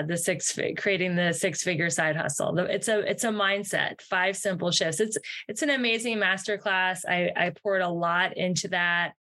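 A woman with a fairly low, slightly bright voice answers interview questions as a podcast guest. She's a success mentor and speaks about her work in an upbeat, earnest and encouraging way.

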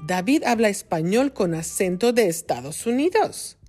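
A Mexican woman hosting a podcast for Spanish learners, speaking slowly and carefully so every word is clear. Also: mid-range voice, animated, a little mellow, soft background music. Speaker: podcast host and Spanish teacher.

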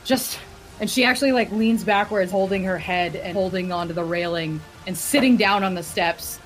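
A woman narrating as game master of a tabletop game, describing scenes in a lively, vivid way. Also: mid-range voice, fairly quick, faint music behind, low-quality recording.

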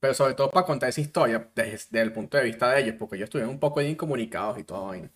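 A man of middle pitch with a Venezuelan accent talks casually as podcast co-host. He speaks in a relaxed, slang-filled way, often dropping lower and softer when telling an anecdote. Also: rapid-fire. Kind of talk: casual chat.

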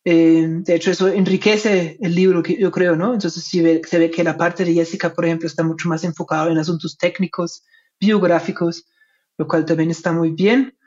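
A man from Germany with a German accent in his non-native Spanish, giving reflective, halting answers in an interview. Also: fairly high pitch, steady tone, darkish tone. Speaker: interviewed academic researcher and author. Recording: dull, lo-fi sound.

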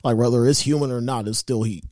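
A man's voice: medium pitch, steady tone, quick pace, darkish tone, no echo, studio quality. A man chatting casually in slangy language. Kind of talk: casual chat.

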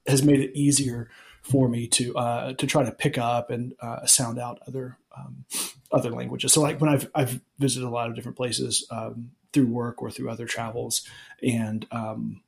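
Usually the host, this forties-aged man from Alabama in the US answers questions in a casual interview, relaxed and meandering. His mid-range voice carries some vocal fry at a moderate pace, and he keeps restarting, dropping ums and laughing readily.

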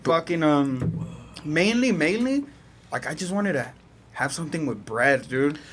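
Young dude, bit high pitched, casual chat, cusses a lot n repeats stuff for emphasis, slangy. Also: male voice, expressive, measured pace, noisy background. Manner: profane, slangy, emphatic repetition.

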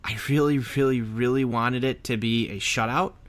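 Mid-pitched man chatting as a sports fan. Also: steady tone, moderate pace, a bit bright. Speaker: sports podcast co-host. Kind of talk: casual fan commentary.

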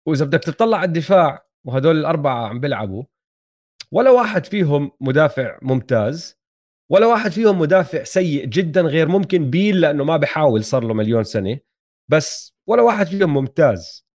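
A man's voice: a little high, animated, fast, darkish tone. A man with a Palestinian-Jordanian Levantine Arabic accent talking casually as co-host of a sports show.

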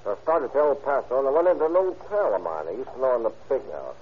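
A man's voice: mid-range voice, sing-song, fast, lightly acted. An actor playing a weary, sullen hobo crook with slangy tough-guy talk in a 1930s radio drama. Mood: weary, bitter. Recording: muffled, noisy 1930s radio recording.

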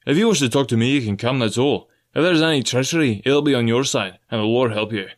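A man's voice: mid-range voice, fast talker, lightly acted. A man voicing a stern, barking ship's captain. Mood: commanding. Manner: clipped, barking orders. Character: stern older male ship's captain, curt and commanding.

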